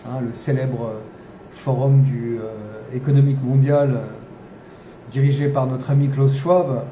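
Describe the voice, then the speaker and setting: In an echoey room with faint background noise, a man with a dark, mid-range voice delivers an unscripted podcast monologue. His delivery is flat and measured, peppered with filler words, restarts and dry ironic asides.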